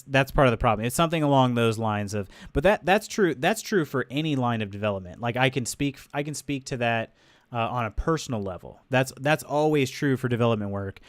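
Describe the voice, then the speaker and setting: Chatting casually with his stream audience, this stuffy-nosed streamer wanders from thought to thought, restarting often and leaning on fillers. The mid-range voice comes through a desk mic in a dry, close recording.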